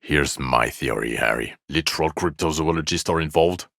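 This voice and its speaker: Here the same weary male game cop talks at a moderate pace, his gravel-rough voice pitched extremely low and performed in an exaggerated way. Cold and dismissive, he sneers through his lines with irritable, sarcastic deadpan, recorded up close with no room sound at all.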